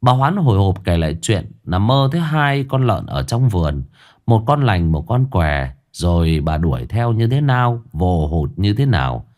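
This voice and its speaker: A man narrating a ghost story in a measured, expressive way. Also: deep voice.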